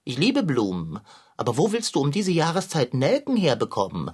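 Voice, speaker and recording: A woman's voice: low voice, huge pitch swings, normal speed, a little mellow, slightly rough, exaggerated voice. A woman voicing a sulky, finicky male cat with a toothache in a children's puppet comedy, whiny and dramatic.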